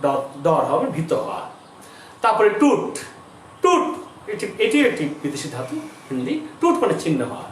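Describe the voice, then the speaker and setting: শিক্ষক, উঁচু ও ওঠানামা করা কণ্ঠস্বর. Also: male voice, a little high, huge pitch swings. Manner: explains slowly, repeats terms, asks students questions. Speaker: teacher. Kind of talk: grammar lesson for school students. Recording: distant, echoey room with faint noise.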